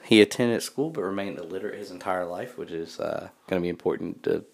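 A man's voice: sits low, fast talker, gravelly. A young man co-hosting a casual podcast, reading from notes with lots of fillers and easy laughter. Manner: reads notes with many fillers, laughs easily. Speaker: podcast co-host presenting the topic.

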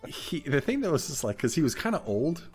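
A man's voice: fairly high pitch, very animated, brisk, darkish tone, soft background music. A man co-hosting a podcast, chatting casually with dry jokes and frequent laughter. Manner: laughs often, dry jokey interjections. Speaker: podcast co-host.

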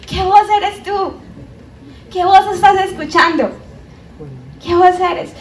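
A high-pitched woman with a Colombian accent delivers an animated sermon, acting out the voices of doubters as she goes. She is recorded from a distance in a roomy church hall. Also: slow pace, heavy background noise. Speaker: preacher.

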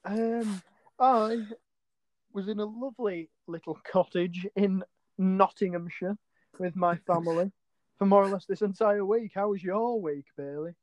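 A man's voice: high voice, measured pace, darkish tone, no room sound. A man in his twenties with a Yorkshire accent, co-hosting a podcast in casual, joking chat, often laughing and teasing. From England. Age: 20s. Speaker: podcast co-host.

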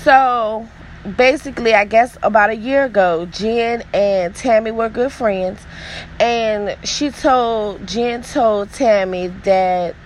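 A woman's voice: fairly high pitch, slight background noise, rough recording. A woman hosting a casual gossip show, chatty, sassy and emphatic. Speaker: host.

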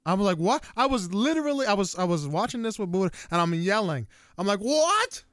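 A man's voice: high-pitched, animated, fast talker, no room sound, studio quality. A young man ranting animatedly in a casual chat, with exaggerated quoted voices.

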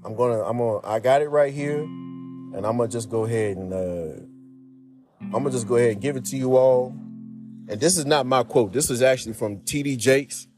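A man's voice: mid-range voice, a little fast, a little mellow, faint music behind. A man talking earnestly and casually to his viewers, giving marriage and relationship advice and often calling them "man" and "y'all". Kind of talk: casual heartfelt advice talk.

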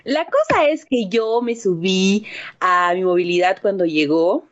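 Animated young woman, lo-fi. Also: unhurried. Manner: animated, acts out voices with big pitch jumps and laughter. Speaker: storyteller among friends. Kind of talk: casual storytelling. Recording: dull lo-fi recording.

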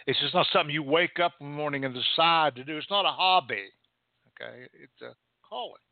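A male pastor preaching a sermon, rising and falling sharply in pitch and loudness. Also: a little fast, creaky, dry recording. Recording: tinny phone-like sound.

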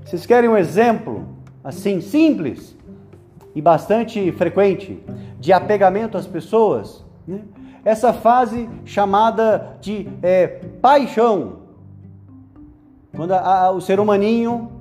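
A man's voice: high-pitched, measured pace, mellow, soft background music. A man with a Brazilian Portuguese accent giving a spoken meditation to young men, conversational and playful, tagging phrases with "né?". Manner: conversational, frequent "né?" tags, playful asides.

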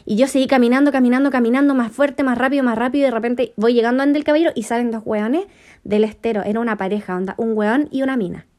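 A woman's voice: fairly high pitch, fairly even intonation, quick pace, a little mellow. A woman with a Chilean accent telling a story in casual chat, full of slang and swearing.

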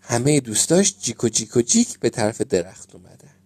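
A man reading a children's story aloud as storyteller, gentle and measured. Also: medium pitch, big pitch swings, breathy edge, dry recording.

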